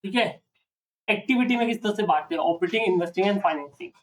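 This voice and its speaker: A male accounting teacher lecturing a classroom, often pausing to ask students questions to check they follow. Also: sits high, expressive, recorded from a distance.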